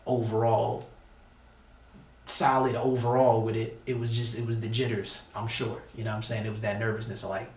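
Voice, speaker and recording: The fairly low voice of this American battle rapper barely moves in pitch and keeps a normal speed. As a guest in an interview, he tells a story in a relaxed way, his phrasing slangy, emphatic and repetitive, while the echoey room and distant mic color the sound.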